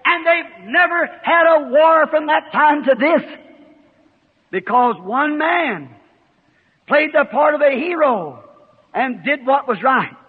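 A man preaching a fiery sermon, emphatic and bursting into shouts, on an old tinny archive recording in a reverberant hall. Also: extremely high pitch, lively intonation, slow pace.

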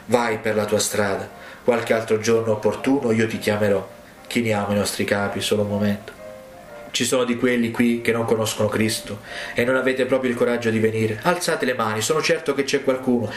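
A man preaches a revival altar call, pleading with and urging his listeners to come forward. His voice booms around an echoey hall, and soft music plays underneath. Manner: pleading, urgent exhortation.

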